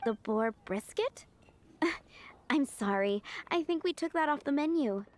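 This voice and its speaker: Casting a friendly young waitress in a game: slightly high voice, courteous and chatty. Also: female voice, lively intonation, unhurried, a little mellow. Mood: apologetic. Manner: friendly, polite. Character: polite, chatty young woman restaurant server. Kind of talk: video game voice acting.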